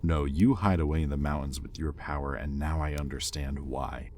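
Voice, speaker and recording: A man's rumbling low voice, steady in tone and at normal speed, plays a bitter, conflicted demon addressing his captive angel, whom he possessively owns, in scripted roleplay audio for the listener. He sounds resentful and resigned, brooding and intense as he shifts from hushed confession to heated accusation. A little hiss or hum sits under the recording.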